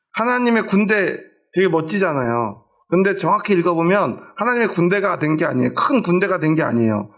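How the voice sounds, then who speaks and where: High-voiced, gravelly Korean pastor preaching. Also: male voice, a bit bright. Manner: asks the congregation questions and answers them himself; tells homely everyday stories to make his point. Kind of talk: sermon. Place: church.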